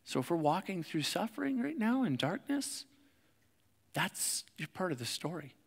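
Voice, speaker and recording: A man preaching a sermon in a conversational way, with fillers and restarts, and slowing softly on reflective lines. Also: high voice, big pitch swings, creaky, husky, in a large hall. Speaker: pastor. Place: church sanctuary.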